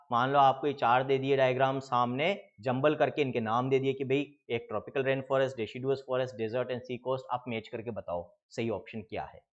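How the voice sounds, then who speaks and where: A man teaching an exam-prep biology lecture, reading textbook lines slowly and then explaining them, calling his students beta. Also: medium pitch, dull audio.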